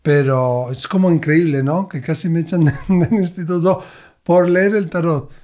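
A man, a medium, telling expressive stories as an interview guest. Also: fairly high pitch, moderate pace. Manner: expressive, animated anecdotes. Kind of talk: conversational storytelling.

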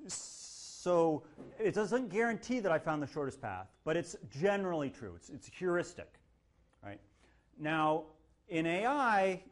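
A male university lecturer talking to his class in a loose, playful way. He jumps into quoted voices and jokes between points. His voice sits a little high. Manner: lively, jokey, acts out quotes. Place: lecture hall.

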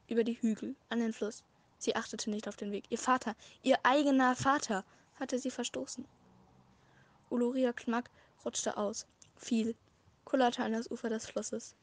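A woman narrating a fan-written story as a short audiobook, with a measured, dramatic reading and occasional slips. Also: on the high side. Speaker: amateur audiobook reader.

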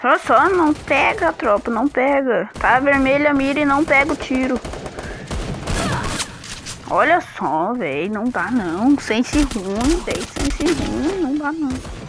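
A man's voice: very high voice, animated, unhurried, background noise. A man with a Brazilian accent giving live gameplay commentary, trash-talking opponents and complaining about lag. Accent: Brazilian Portuguese. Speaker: gamer streamer. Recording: loud game gunfire underneath.

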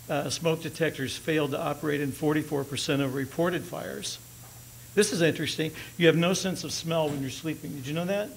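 An older male company executive gives a conference presentation from a podium microphone on a large auditorium stage, cracking dry jokes in a loose, chatty way. His voice is fairly high with vocal fry. The audio is poor, with slight background noise.

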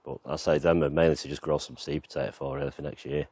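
In a fast, flat, slightly mellow bass voice, a man rambles casually through a tour of his allotment and back garden, dropping in lots of fillers. The gardening vlogger films outdoors on a handheld camera, and there's no room sound.

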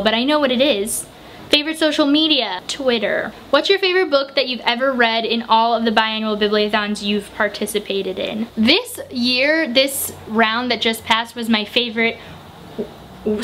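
A woman in her twenties from the United States, reading out viewer questions and answering them quickly in a casual home vlog. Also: high voice, a bit bright, a little hiss or hum. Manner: chatty, quick answers, reads questions aloud. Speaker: book vlogger. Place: home room with bookshelves, indoors.

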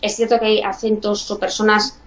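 Speaking a little fast with medium pitch and little movement in her voice, a Spanish-accented woman from Spain is interviewed casually as a guest. She's a bilingual parent who fills her thinking with "mm" and "pues," captured on a distant, dull, lo-fi microphone.

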